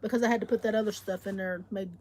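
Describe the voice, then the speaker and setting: A woman's voice: mid-range voice, steady tone, rapid-fire, darkish tone, slight background noise. A woman co-hosting a travel vlog who chats casually, complaining and swearing about everyday troubles. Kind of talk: casual chat.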